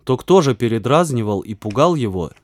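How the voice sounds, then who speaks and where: Male audiobook narrator, expressive storyteller, mid pitch, animated delivery. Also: fairly quick, no room sound, clean studio sound. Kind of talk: scripted narration.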